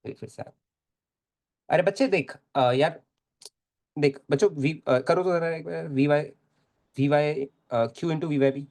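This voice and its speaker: A man's voice: fairly high pitch, slow, creaky, pauses often, a little mellow. Young male physics tutor; casual, repetitive, coaxing delivery. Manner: casual, chatty, repeats phrases, coaxes students. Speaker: physics teacher. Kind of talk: live online lecture.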